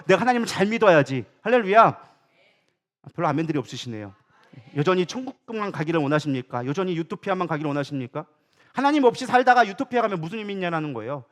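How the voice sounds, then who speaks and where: Fast, high-voiced man preaching a sermon. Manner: lively, colloquial, many rhetorical questions to the congregation; humorous storytelling asides. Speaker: co-pastor. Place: church sanctuary.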